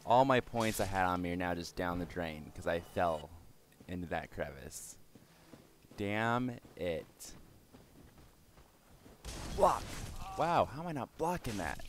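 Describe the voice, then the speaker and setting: A young gaming channel host, his somewhat low voice slightly raspy and hoarse from yelling the day before, casually narrates his let's-play into a desk mic. He swears and exclaims at enemies and laughs at his own blunders. His pitch swings widely, he talks slowly with long pauses, and there's slight background noise.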